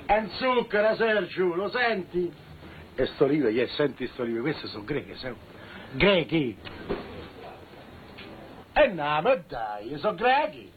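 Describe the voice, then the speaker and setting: A man's voice: fairly high pitch, very animated, a little slow, pauses often, phone-quality sound, a little hiss or hum. An actor with a Roman accent playing a boastful, menacing father who threatens his daughter's suitor. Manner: boastful, menacing, shouting at times. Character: blustering Roman father, proud, threatening tough guy. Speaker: actor in a film scene.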